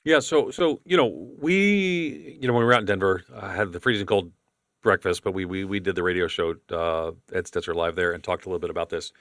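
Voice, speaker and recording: A man hosting a podcast in casual chat, talking quickly and rambling with many restarts. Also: low voice, steady tone, a bit bright, no echo, clean studio sound. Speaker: podcast host.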